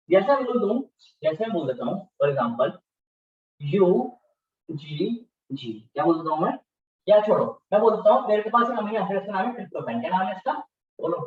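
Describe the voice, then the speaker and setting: A man teaching a class, repeating key terms and often checking that students follow. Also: fairly high pitch. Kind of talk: classroom lecture. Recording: distant, echoey, dull-sounding classroom recording.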